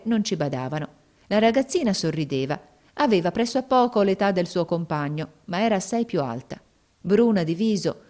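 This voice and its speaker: A woman narrating a story aloud in a steady, measured reading. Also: lowish voice.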